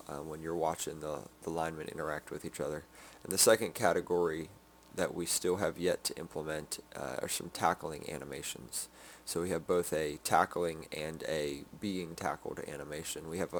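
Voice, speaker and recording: Sleepy low gravelly-voiced man. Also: a little hiss or hum. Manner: halting, many ums and restarts. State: sleepy, yawning. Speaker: game developer. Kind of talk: casual dev update.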